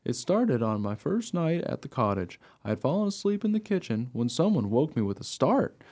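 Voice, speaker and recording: The performer is a man with a mid-range voice and moderate pace, narrating a radio play as a friendly, young-hearted dog. He tells the dog's life story in an earnest, excitable, naive way, tinged with a wry and reflective mood.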